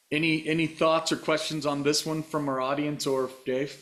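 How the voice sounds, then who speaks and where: A man's voice: a little high, little pitch movement, unhurried, pushed and bright, echoey room. A middle-aged man giving an enthusiastic, explanatory webinar demo over a video call. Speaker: webinar presenter.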